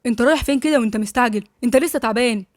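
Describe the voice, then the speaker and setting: A hot-headed Egyptian young man rattles off quick, agitated words, as a woman reader voices him. His pitch sits high for a man, and the sound is close and dry. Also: dry recording, close to an everyday voice. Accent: Egyptian Arabic.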